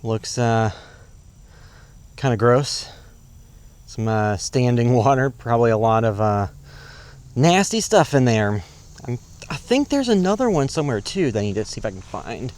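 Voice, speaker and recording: A man vlogs his way through a park, his darkish mid-range voice sing-song at normal speed with frequent pauses. He narrates unscripted in a hesitant, rambling, matter-of-fact manner, and road noise and outdoor sounds are clearly audible.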